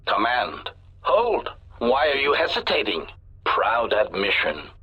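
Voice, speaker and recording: A man's voice: mid-range voice, wildly swooping pitch, slow, husky, exaggerated voice. A man voicing a cold, sardonic male assassin droid through a metallic robotic voice filter, clipped and announcing each remark with a label. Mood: mocking. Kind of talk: video game character dialogue. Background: loud game music.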